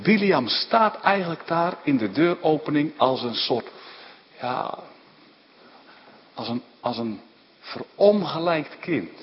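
High-voiced man preaching in a hall. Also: slow, pauses often, a little hiss or hum. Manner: animated, emphatic Bible exposition with frequent "hè?" asides. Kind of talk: sermon. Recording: dull sound in a large reverberant hall.

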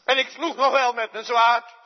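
A man preaching acts out an anguished apostle who cries out in high, strained bursts. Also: flat delivery, normal speed, long reverb tail, lo-fi sound. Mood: bitter, anguished. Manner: crying out in high, strained outbursts. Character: anguished apostle, a rough fisherman torn by anger and fear.

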